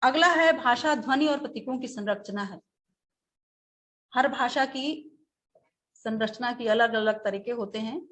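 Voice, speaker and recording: A woman teacher giving a webinar lecture, speaking slowly and deliberately, now and then acting out short examples. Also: on the high side, a bit bright.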